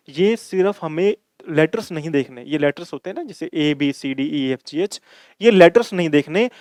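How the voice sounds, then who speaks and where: A man's voice: fairly high pitch, a little mellow, no echo. A man teaching an English grammar lesson in a classroom style, calling viewers his dear children and repeating points for emphasis.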